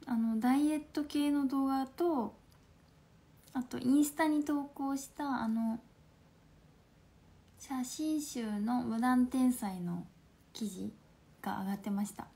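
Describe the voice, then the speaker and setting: A woman in her twenties from Fukuoka with a Hakata accent, chatting playfully on a phone livestream at home, laughing often and slipping into soft asides. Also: sits high, slow pace, vocal fry, long pauses. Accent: Hakata dialect. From Fukuoka, Japan. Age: 20s. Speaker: livestream host. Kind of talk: casual livestream chat reading viewer comments.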